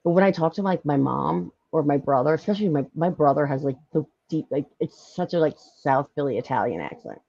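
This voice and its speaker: A woman with a Philadelphia accent, hosting a casual live-stream chat, talkative and quick to laugh. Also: sits low, vocal fry, dry recording, highs cut off. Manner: chatty, lively, laughs often, many fillers. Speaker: podcast host.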